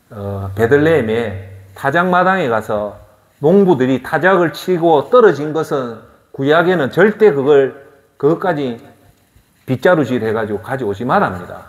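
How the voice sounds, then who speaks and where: Animated middle-aged preacher with Gyeongsang accent. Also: male voice, mid-range voice. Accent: Gyeongsang Korean. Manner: animated, rhetorical questioning. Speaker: pastor. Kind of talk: sermon.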